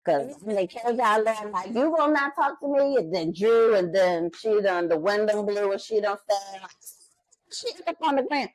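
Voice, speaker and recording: A woman's voice: mid-range voice, expressive, moderate pace, a little mellow, dry recording, poor audio. A woman co-hosting a casual reality TV recap, blunt and shady, acting out what people said. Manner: blunt, shady, acts out quotes. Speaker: podcast co-host.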